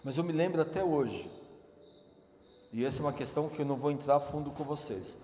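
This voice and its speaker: A male pastor preaching a sermon slowly and emphatically, his passion rising. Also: a little high, lively intonation, mellow, a little hiss or hum. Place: church sanctuary. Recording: echoey church hall with music.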